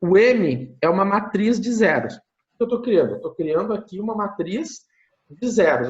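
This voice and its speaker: A man's voice: high voice, darkish tone. Brazilian male lecturer teaching remotely, step-by-step and thinking aloud, with dull lo-fi mic sound. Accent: Brazilian Portuguese. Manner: explains step by step, thinking aloud, often checks in with listeners. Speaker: university lecturer. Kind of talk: online lecture with screen sharing.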